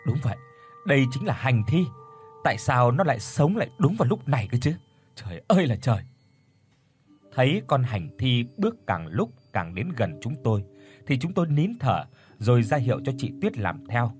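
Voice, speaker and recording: Husky guy reading a ghost story, voice rises and falls a lot. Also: mid-range voice, sing-song, fairly quick, a little mellow, soft background music. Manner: dramatic storytelling. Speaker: story narrator. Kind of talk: scripted horror story narration.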